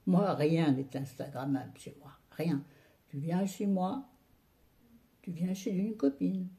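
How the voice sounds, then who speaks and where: A woman's voice: fairly low pitch, slow pace, gravelly, warm tone. A woman vlogger chatting casually to her viewers from home, grumbling and ranting in an exasperated, colloquial way. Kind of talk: casual vlog chat to viewers.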